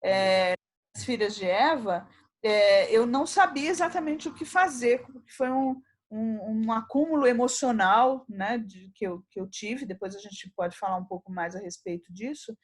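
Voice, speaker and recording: Lively Brazilian woman telling a story. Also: a little high, moderate pace. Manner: animated storyteller, acts out dialogue and laughs often. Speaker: poet, interview guest. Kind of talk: anecdotal interview storytelling.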